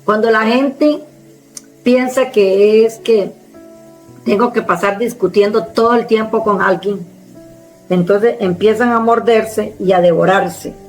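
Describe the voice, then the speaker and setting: A woman's voice: medium pitch, slow pace, poor audio. Woman evangelist, strong carrying voice, emphatic preacher's authority, faint music underneath. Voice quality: strong, forceful speaking tone. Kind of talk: sermon.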